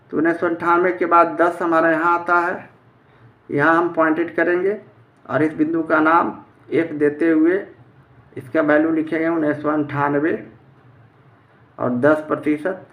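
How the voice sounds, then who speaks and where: A man's voice: a little high, fairly bright tone. A man teaching a step-by-step math lesson, explaining methodically in a plain way. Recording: echoey room.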